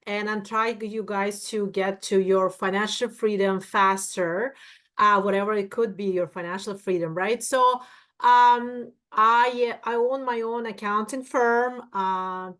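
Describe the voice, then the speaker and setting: A woman's voice: mid-range voice, steady tone, measured pace, fairly bright tone. Chatty Russian-accented woman. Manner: chatty, many fillers and restarts. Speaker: guest accountant. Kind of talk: livestream interview.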